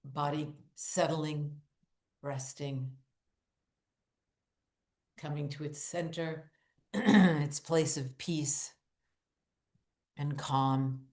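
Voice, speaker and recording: A woman with a low, steady voice guides a meditative visualization at a very slow pace. She speaks in short, deliberate phrases separated by long pauses, hushed and soothing, with an incantatory repetition.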